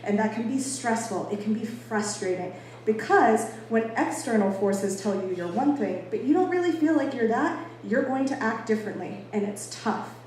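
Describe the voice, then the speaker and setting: Speaking to an audience in an echoey indoor space, a Boston-born American woman delivers an informal talk that is emphatic, chatty, and jokingly self-deprecating. Her voice is on the high side, animated and darkish in tone at normal speed, recorded from a distance with echo and faint noise.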